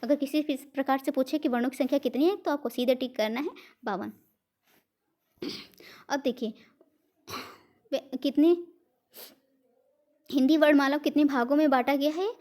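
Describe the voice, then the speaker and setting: A woman with an Indian accent teaches an exam-prep grammar lesson in a fairly high voice. She lays out each point step by step, poses questions and answers them herself. She slips English words into her explanations. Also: moderate pace, long pauses, darkish tone.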